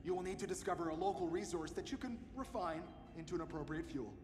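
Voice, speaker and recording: An actor playing a cheery, salesy male corporate CEO, giving an upbeat promotional pitch with breezy asides. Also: fast, reverberant, big-room sound, lightly acted. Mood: chipper. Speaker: company CEO in a game video.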